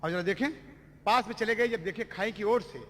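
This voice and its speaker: A man's voice: sits high, brisk, fairly bright tone, slight background noise. A man with a Bhojpuri accent performing dramatic Birha folk storytelling, addressing listeners in a declamatory way. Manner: declamatory, addresses audience as babuji. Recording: echoey stage recording with music. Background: music.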